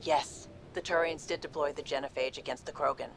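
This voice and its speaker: Frank alien crewmate over vehicle noise. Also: male voice, a little high, fairly even intonation, brisk, gravelly. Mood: frank, weary. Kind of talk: video game dialogue.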